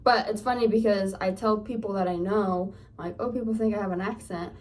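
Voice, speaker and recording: Getting ready at home, this lifestyle vlogger, a young woman from Northern California, chats casually with a Californian accent and plenty of filler words. Her medium-pitched, somewhat dark voice stays steady and fairly fast, captured from a distance by a phone camera, a little off-mic.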